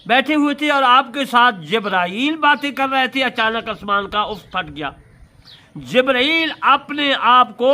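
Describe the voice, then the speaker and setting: A man preaching a religious lecture, explaining word meanings with emphatic, drawn-out words and repeated points. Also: sits high, pushed and bright. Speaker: Islamic preacher explaining scripture commentary. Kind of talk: sermon-style religious lecture.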